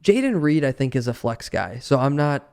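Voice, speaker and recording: A man's voice: mid-range voice, sing-song, normal speed, creaky, a little mellow, clear, resonant tone. A man co-hosting a casual fantasy football podcast, thinking aloud with lots of restarts. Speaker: podcast co-host. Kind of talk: casual chat.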